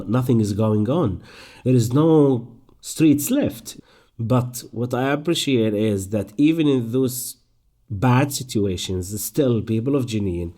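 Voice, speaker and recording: A young Palestinian man with an Arabic accent, an actor speaking thoughtfully in an interview, with some halting restarts. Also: fairly low pitch, dark tone. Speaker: actor and performer. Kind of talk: interview conversation.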